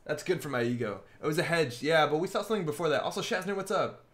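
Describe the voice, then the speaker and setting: A man's voice: fairly high pitch, lively intonation, quick pace. A man giving live, casual commentary on a card game, thinking aloud as he works through each play step by step.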